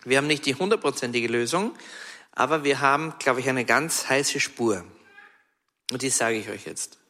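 A man preaching a sermon, telling stories in a chatty, lively way with frequent restarts and asides. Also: medium pitch, normal speed. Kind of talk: storytelling sermon. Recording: long hall reverb.

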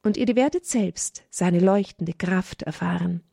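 A woman's voice: unhurried, creaky, warm tone, breathy edge, no echo, clean studio sound, heavily acted. A woman voicing a brave, kind little male hare in a storybook reading, speaking firmly and earnestly. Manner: firm, earnest, high-pitched.

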